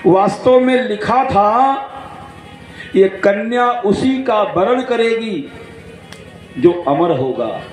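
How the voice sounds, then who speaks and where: A man giving a devotional sermon, acting out dialogue in jokey anecdotes and slowly chanting verses, recorded through a PA at a large outdoor gathering. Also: sits high, a little mellow. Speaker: Bhagwat katha storyteller. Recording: echoey PA sound with faint instrument music.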